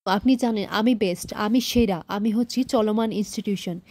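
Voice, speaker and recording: A woman's voice: mid-range voice, normal speed, dry recording, natural voice. A woman voicing a proud, domineering older father-in-law, reading his lines plainly in her own voice. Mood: remorseful. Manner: read out flatly in the narrator's own voice.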